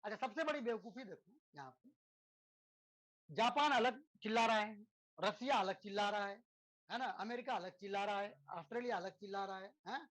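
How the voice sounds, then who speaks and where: A man's voice: high voice, brisk, a bit bright, poor audio. A man teaching a physics lesson to students in a conversational lecture style, constantly checking in with tag questions and using rhetorical questions and everyday examples. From India.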